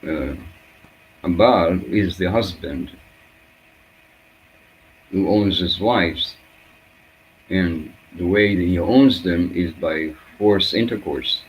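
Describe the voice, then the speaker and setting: A Hebrew-speaking man gives an unscripted, reflective spiritual talk in halting, fragmented phrases broken by searching pauses. His voice sits low, and the poor audio carries a little hiss or hum.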